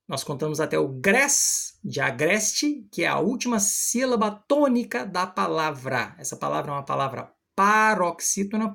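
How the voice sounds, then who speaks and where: A literature teacher with a husky, mid-range voice gives an explanatory poetry lesson. She explains things step by step and slows down when reading verses aloud.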